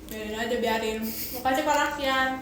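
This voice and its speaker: A woman chatting playfully and giggling on a livestream, thanking viewers, her voice booming in strong hall-like echo. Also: moderate pace, a bit bright. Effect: strong booming echo like a big hall. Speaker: livestream co-host. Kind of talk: casual chat on a livestream. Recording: heavy room echo, faint noise.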